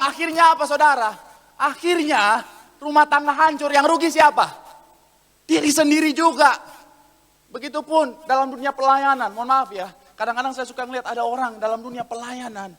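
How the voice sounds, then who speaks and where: A high-pitched, bright male pastor preaching to his congregation with animated humor. His voice rings out through a reverberant church hall. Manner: animated, acts out voices in anecdotes, calls the congregation "saudara". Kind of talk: lively comedic sermon.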